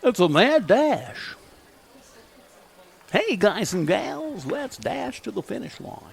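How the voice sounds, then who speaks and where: A man's voice: sits high, sing-song, gravelly, pitched above the performer's own voice, full character voice. A man doing a hammy old AM radio announcer. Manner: drawn-out, showy announcer delivery. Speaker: sports commentator. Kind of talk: play-by-play commentary.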